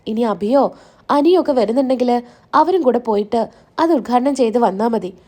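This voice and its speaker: Woman doing a firm matriarch, decisive, high, mellow. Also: expressive, normal speed. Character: firm older matriarch favoring one daughter-in-law.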